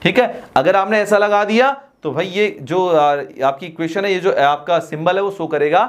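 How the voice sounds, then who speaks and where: A man teaching a class, calling students "dear children" affectionately, asking questions and answering them himself, and reading definitions slowly. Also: high-pitched. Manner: reads English definitions slowly. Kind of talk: classroom lecture.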